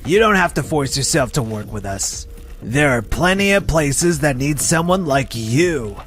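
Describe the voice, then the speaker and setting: Here a man plays a smug, defensive supermarket boss in dubbed comic voice acting, brushing things off and justifying himself. He speaks unhurriedly in a high-leaning, animated, fairly bright voice, with soft music in the background.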